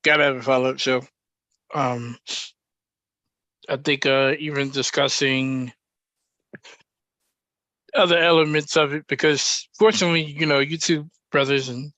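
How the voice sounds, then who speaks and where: A man hosting a podcast, speaking in a reflective, measured way with frequent pauses and fillers. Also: medium pitch, fairly even intonation, pushed and bright, no room sound. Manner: reflective, measured, thinking aloud with many fillers. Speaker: podcast host. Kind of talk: casual podcast discussion.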